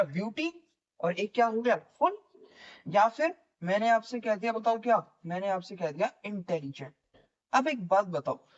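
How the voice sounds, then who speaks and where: हिंदी लहजे वाला एक पुरुष शिक्षक, जो अंग्रेज़ी व्याकरण पढ़ाते हुए खुद सवाल पूछता है और खुद ही जवाब देता है।. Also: male voice, sits high. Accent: Hindi. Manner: asks questions and answers them himself, repeating key words. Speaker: English grammar teacher. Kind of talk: classroom lecture. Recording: dull lo-fi recording.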